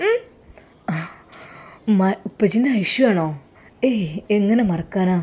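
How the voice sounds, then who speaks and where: A gentle, grieving father who soothes his child in a lowered, hushed voice, as a woman puts him on. He stays quiet and tender, sometimes sinking to a near whisper. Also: animated, takes it slowly, breathy edge. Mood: soothing. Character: gentle, grieving young father, soft-spoken.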